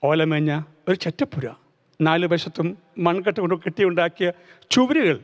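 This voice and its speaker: A male pastor narrating a children's church story dramatically, slowing down at key moments. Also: high-pitched, expressive. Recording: reverberant hall.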